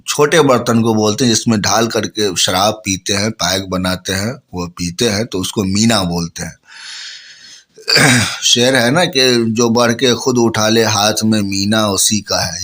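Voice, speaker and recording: A man teaching a ghazal. He recites each couplet slowly, then explains it plainly to his listeners, and has a bit of a cough. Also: lowish voice, fairly bright tone. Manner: addresses listeners as friends. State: coughing, slightly hoarse. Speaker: Urdu poetry teacher.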